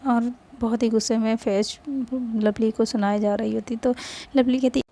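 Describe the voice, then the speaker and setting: A woman's voice: on the high side, level tone, moderate pace, warm tone. A woman narrating a romance story in a casual, conversational way, often repeating and restarting phrases.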